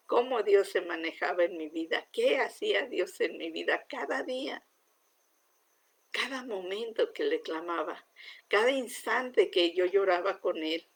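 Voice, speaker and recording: A middle-aged woman gives a heartfelt religious testimony, often sinking into a soft, near-whispered voice. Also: mid-range voice, vocal fry, slightly rough.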